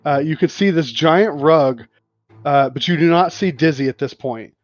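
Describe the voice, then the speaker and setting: A man's voice: fairly high pitch, moderate pace, dry recording. A man runs a tabletop game as game master, narrating scenes and calling for rolls with frequent uhs and restarts. His voice comes through slightly dull, lo-fi stream audio, with faint music playing underneath. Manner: descriptive, with frequent restarts and "uh" fillers.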